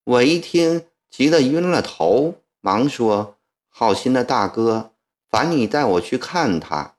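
A frail, soft-spoken young woman, as a male storyteller reads her, telling her story slowly with a lively, rising and falling tone. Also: mid-range voice. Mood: sorrowful.

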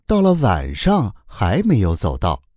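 A man narrating a children's story in a very animated, deliberate way. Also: fairly low pitch, no echo, clean studio sound.

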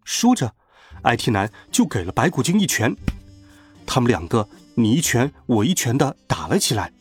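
A man narrating a children's story in a playful, animated way. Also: mid-range voice, normal speed, husky. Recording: faint background music.

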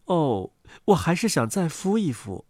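A woman's voice: deep voice, big pitch swings, a little slow, mellow, dry recording, studio quality, voice pushed down, heavily acted. A woman voicing a tired, complaining mother duck sitting on her eggs in a storybook. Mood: stubborn. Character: weary grumbling mother duck on her nest.

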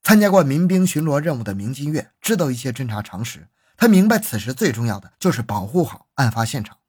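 A man's voice: mid-range voice, sing-song, quick pace, darkish tone, a little hiss or hum. A man narrating a scripted true-crime documentary in a dramatic, suspenseful storytelling manner.

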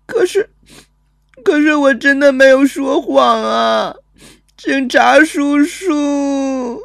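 A woman's voice: fairly high pitch, animated, no echo, clean studio sound. A woman voicing a timid, chubby ten-year-old boy who stammers and sobs as he speaks in an audio drama. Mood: tearful, stammering. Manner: stammering, sobbing, halting.

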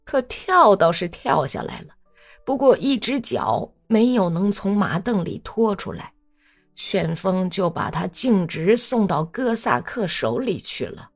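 A woman's voice: mid-range voice, very animated, a little slow, creaky, faint music behind. A woman reading a novel aloud as an audiobook, telling the story expressively. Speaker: audiobook reader.

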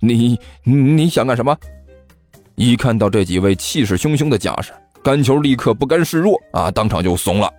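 A man narrating a serialized novel with lively storytelling. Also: fairly low pitch, a little fast, hardly any pauses, faint music behind. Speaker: audiobook narrator.

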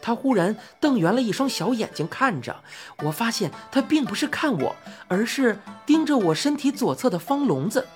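A woman narrating a children's storybook in a clear, even reading voice. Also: a little high, moderate pace, soft background music.

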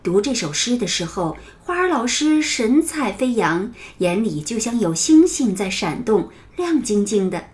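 A woman narrating a children's story in a gentle, expressive storytelling manner. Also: medium pitch, a little slow, few pauses.

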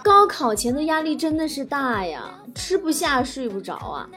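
A woman's voice: high-pitched, big pitch swings, normal speed. A woman hosting a comic talk show, reading out listener messages and answering them with teasing, punchy wisecracks. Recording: music playing behind the voice.

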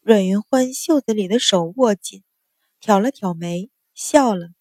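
A woman narrating a novel as an audiobook in an expressive storytelling manner, recorded close to the mic. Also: medium pitch, a little slow, no room sound.

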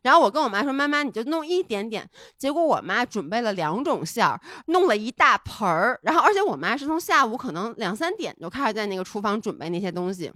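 Lively, candid woman telling a story. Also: medium pitch, fast, hardly any pauses, no echo, studio quality. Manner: candid, rambling and heartfelt. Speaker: podcast co-host. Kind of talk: casual podcast storytelling.

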